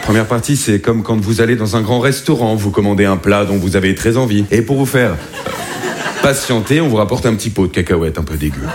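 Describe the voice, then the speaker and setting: A man's voice: on the low side, a little fast. A male stand-up comedian delivering crude, boastful and self-mocking one-liners. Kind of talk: stand-up routine. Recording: loud background noise, live show.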